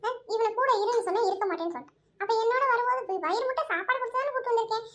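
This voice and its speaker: A woman's voice: very high voice, racing, a bit bright. A woman voicing a chatty middle-aged aunt visiting her niece, in a home family drama where she plays every role. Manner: chatty, fussing. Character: fussing middle-aged aunt, the mother's sister. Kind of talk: home family drama, one narrator voicing all roles.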